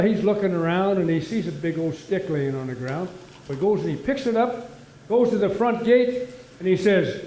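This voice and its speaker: A man's voice: high voice, slight background noise. An actor playing a man in a pub telling jokes and laughing at his own punchlines. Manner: lively joke-teller who laughs at his own punchlines. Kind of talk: stage play, telling jokes. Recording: echoey room.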